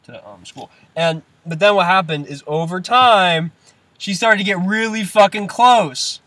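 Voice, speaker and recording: Teen male podcast guest, slightly higher voice, loose and rambling, heavy swearing. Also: unhurried, pushed and bright. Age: teens. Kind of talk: casual chat.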